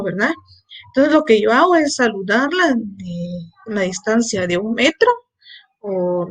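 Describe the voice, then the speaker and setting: A woman teacher giving a patient recorded lesson, explaining step by step and checking understanding with short tag questions. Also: on the high side.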